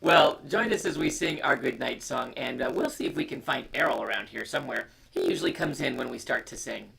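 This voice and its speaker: A storytime host reads a picture book aloud in a hushed voice that drops into whispers, then chats casually. The voice is medium in pitch, brisk and creaky.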